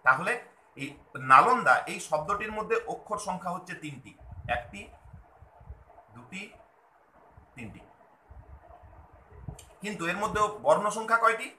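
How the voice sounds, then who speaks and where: Bright, high-voiced man teaching with an echo. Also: lively intonation, slight background noise. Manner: patient, repeats points slowly for emphasis. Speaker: language teacher. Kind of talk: explanatory grammar lesson. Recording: echoey room.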